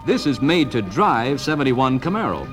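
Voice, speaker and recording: Narrating a 1970s car dealer training film, an American man uses a lively, swinging pitch and clipped, emphatic sales phrases at a moderate pace. Music is clearly audible beneath him, and the sound carries the character of an old vinyl record.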